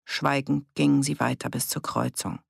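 Gravelly audiobook narrator, dry sound. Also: mid-range voice, no room sound. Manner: even, measured storytelling. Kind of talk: scripted narration.

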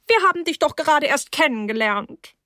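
A woman doing a shrill teasing hostess. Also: lively intonation, fairly quick, no room sound, studio quality. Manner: laughing, teasing, high-pitched. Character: merry tipsy middle-aged hostess, teasing.

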